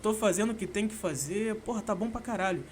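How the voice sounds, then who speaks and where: A man's voice: sits high, quick pace, slight background noise. A young man from Brazil hosting a solo podcast, rambling casually and swearing a lot, with constant slang fillers. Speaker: podcast host.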